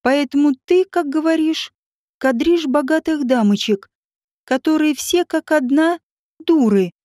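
Brief: woman narrator voicing a tense, cutting woman, high voice, dry and dark. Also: a little slow, dry recording. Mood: tense probing. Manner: quiet, tense, cutting questions. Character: composed woman, tense, cold, probing.

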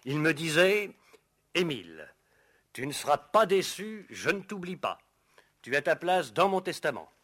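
Gossipy servant, wildly swooping, radio play. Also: male voice, a little high, measured pace, exaggerated voice. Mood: insistent, aggrieved. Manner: hesitant, evasive, insinuating, with excitable outbursts. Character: resentful, gossipy male household servant under police questioning. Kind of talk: French radio play acting, old radio show.

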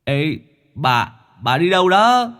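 A man voicing a cheeky young male ghost in a spoken ghost story, loud and mocking. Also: mid-range voice, sing-song, normal speed, pitched above the performer's own voice. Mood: calling out.

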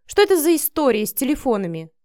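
A chattering, outspoken young woman who gossips with a quick laugh, voiced by a female narrator. Her lines ride high and bright, and the close recording is dry. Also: big pitch swings, no echo. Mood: lively.

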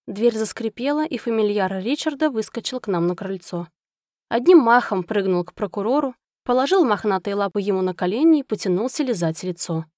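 Woman reading a fantasy audiobook, dry close sound, medium pitch, dramatic delivery. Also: a little mellow, no echo. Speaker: audiobook narrator. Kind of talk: scripted first-person audiobook narration.

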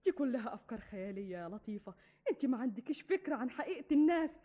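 A cautious, soothing sister with an Egyptian Arabic accent. Her voice is husky, quick and lively, heard on a dull old radio recording. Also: fairly high pitch.

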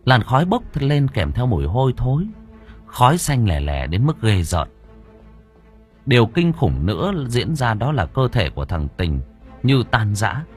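A man narrating a horror story in a dramatic, expressive way. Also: mid-range voice, measured pace, soft background music. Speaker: audiobook narrator.

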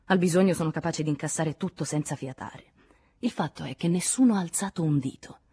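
A heated, insistent male activist, as a woman reads him aloud in an audiobook. The voice stays low and husky, pressing hard and reproaching the listener. It sounds dark and weighted rather than bright. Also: fast, full character voice. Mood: urgent. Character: vehement middle-aged male communist activist.

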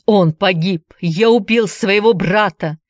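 A woman's voice: mid-range voice, takes it slowly, dry recording, dull audio, lightly acted. A woman voicing a huge, strong man overcome with guilt in a storybook reading. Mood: anguished. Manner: cries out then goes numb.

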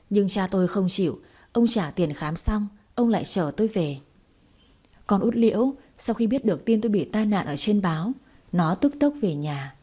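A woman narrating a sorrowful first-person audio story in a steady voice. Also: mid-range voice, slightly rough. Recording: faint background music.

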